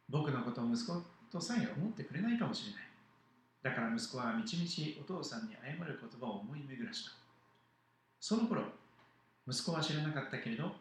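A man preaching, telling a Bible story to children with lively voices for the characters. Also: medium pitch. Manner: animated, acting out voices in the story. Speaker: pastor. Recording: very echoey live hall.

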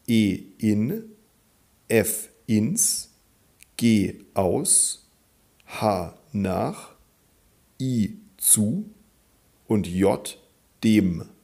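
A man teaching a grammar lesson, reading sentences aloud slowly and clearly and repeating each answer. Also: on the low side, mellow. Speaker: German teacher.

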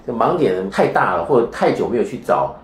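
A man's voice: mid-range voice, sing-song, fairly quick, slight background noise. A man as a spiritual teacher being interviewed, explaining his views in a lecturing way and often asking rhetorical questions. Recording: echoey room.

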